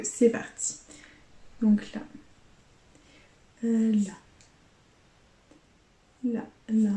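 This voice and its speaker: A woman's voice: fairly high pitch, warm tone. A woman YouTuber chatting casually to her viewers as she scratches lottery tickets, calling them friends. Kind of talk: casual running commentary. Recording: echoey room.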